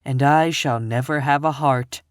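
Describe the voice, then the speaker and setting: A reader voicing a gentle, sincere man made of tin. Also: mid-range voice, fairly even intonation, a little slow, clean tone, dry recording, clean studio sound, close to an everyday voice.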